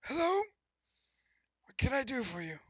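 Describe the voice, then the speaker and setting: A man voicing an uncomfortable male fish-like bartender who speaks in a raspy, gasping voice and struggles to breathe out of water. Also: very high voice, very animated, unhurried, fairly bright tone, no echo, pitched above the performer's own voice, exaggerated voice. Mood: nervous. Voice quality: raspy, gaspy.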